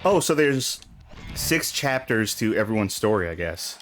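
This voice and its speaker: Lively, joking man playing video games. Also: lowish voice, a little slow, music in the background. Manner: joking, wry. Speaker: video game show host and player. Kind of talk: casual gaming commentary.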